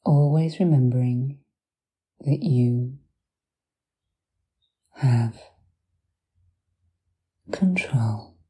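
Very slow, low, soft hypnotherapist woman. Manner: soothing, deliberate, long pauses between short phrases. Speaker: hypnotherapist guiding relaxation. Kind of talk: guided hypnosis meditation, soft and partly whispered.

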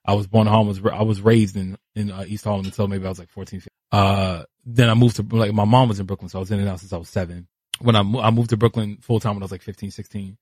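A man in his thirties from New City, a guest artist telling his story, animated and acting out quoted voices. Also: fairly low pitch, racing, slightly rough, no echo. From New York City. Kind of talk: casual interview storytelling. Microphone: podcast studio mic.

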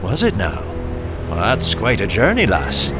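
An actor playing a sly, hearty one-legged sea cook in an audio drama, with a theatrical seadog drawl. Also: male voice, on the low side, wildly swooping pitch, measured pace, music in the background. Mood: jovial, sly. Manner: theatrical old-seadog drawl with swooping emphasis.

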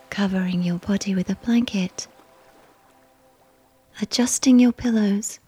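A woman whispering a slow, soothing guided sleep meditation. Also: medium pitch, husky. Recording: soft music behind.

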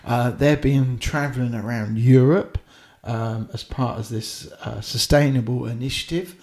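A man's voice: mid-range voice, unhurried, darkish tone. Chatty man with a Norfolk accent. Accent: Norfolk English. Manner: chatty, rambling with many ums and uhs. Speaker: podcast co-host. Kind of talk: casual chat.

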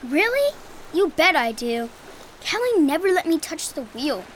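Eager, high-pitched young boy adventurer. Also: unhurried, a little hiss or hum. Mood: excited. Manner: excitable, earnest. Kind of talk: audio drama acting.

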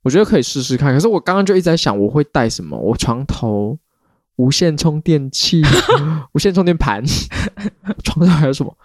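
A man's voice: a little high, very animated, a little fast, a little mellow, dry recording, studio quality. A man with a Taiwanese accent, chatting casually as a podcast co-host. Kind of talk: casual chat.

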